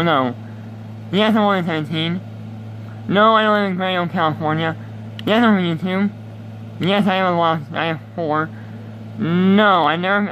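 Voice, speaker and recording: High-voiced young man rambling through a game. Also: fairly bright tone, a little hiss or hum, low-quality recording. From United States. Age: 20s. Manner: rambling, reads questions aloud and answers them offhandedly. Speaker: YouTuber. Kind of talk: casual gaming commentary.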